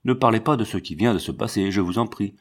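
A sly young clerk drawls his words in a low, smooth voice, as a man reads the part. He sounds wheedling, like a storybook schemer. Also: fast talker, natural voice.

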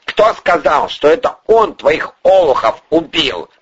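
A man voicing a hot-tempered, domineering male oligarch who yells and swears threats. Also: a little high, very animated, a little slow, slightly rough, voice pushed up, exaggerated voice. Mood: menacing. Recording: dull lo-fi recording.

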